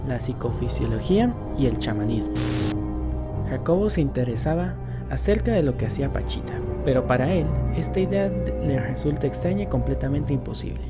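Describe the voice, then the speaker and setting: A man's voice: mid-range voice, animated, fairly quick. A man reading scripted documentary-style narration as a podcast co-narrator. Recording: loud music under the voice. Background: loud music.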